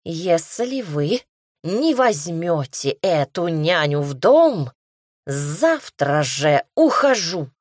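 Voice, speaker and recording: A woman's voice: mid-range voice, big pitch swings, slow, dry recording, clean studio sound. A woman voicing a plump, mischievous ginger male magic cat in an audiobook, drawing out her words. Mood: theatrical.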